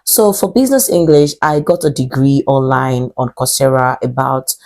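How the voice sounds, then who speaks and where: This English teacher and vlogger, a woman in her twenties with a Nigerian accent, talks casually to camera, rambling and correcting herself with plenty of fillers. She has a very deep, darkish voice and keeps a moderate pace.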